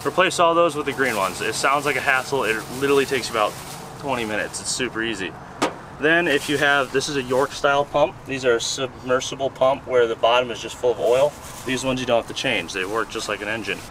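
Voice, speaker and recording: A man's voice: medium pitch, fairly quick. A man hosting a car vlog who explains a repair in a casual, joking way while working outdoors beside a car. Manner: joking, self-mocking and chatty while working. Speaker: host. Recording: noisy outdoor recording with engine noise.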